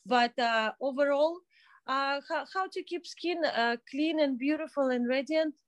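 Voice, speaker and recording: A woman around forty speaks with a Belarusian accent in a fairly high voice. She talks casually as an interview guest, feeling her way through sentences in halting phrases. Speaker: podcast guest, day spa owner and skincare specialist.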